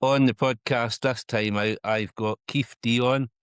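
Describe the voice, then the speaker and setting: A man's voice: mid-range voice, fairly even intonation, slow pace, clear, resonant tone, no room sound, studio quality. A man hosting a podcast, introducing his guest casually with many ums. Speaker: podcast host.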